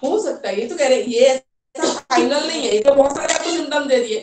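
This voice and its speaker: Woman teacher, high voice, lecture, keeps checking in with okay, roomy classroom echo, distant mic. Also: quick pace, a crowd in the background. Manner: explains with repeated "theek hai", mixes English terms. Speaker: teacher trainer. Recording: echoey room, voice from far off.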